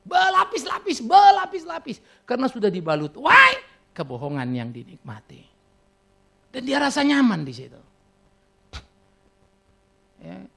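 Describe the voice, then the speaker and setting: A man's voice: on the high side, sing-song, normal speed, creaky, long pauses. A middle-aged man with a Batak accent preaching a sermon, telling stories and teasing his congregation. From Indonesia. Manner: storytelling, teasing the congregation, breaks into laughter. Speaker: pastor.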